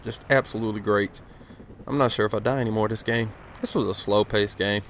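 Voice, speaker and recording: Late-20s man, gaming commentator: low flat voice, loose and profane, a bit stuttery from the cold, faint outdoor hum behind. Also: brisk. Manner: rambling, swears freely, many fillers. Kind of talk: casual gameplay commentary. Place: outdoors outside his house.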